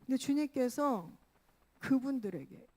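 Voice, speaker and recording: A woman pastor giving a sermon in a conversational way, often correcting herself and slowing down on key phrases. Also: high-pitched, expressive, mellow. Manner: conversational preaching, frequent self-corrections.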